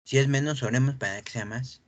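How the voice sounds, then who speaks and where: A man preaching a sermon, animated and acting out voices from the scripture reading, who often clears his throat. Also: medium pitch, a little fast, slight background noise. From Mexico.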